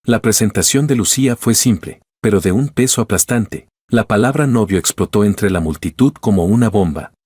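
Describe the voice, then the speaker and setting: A man narrating a first-person story in an even, scripted storytelling delivery. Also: fairly low pitch, normal speed, hardly any pauses, slightly rough, dry recording, clean studio sound.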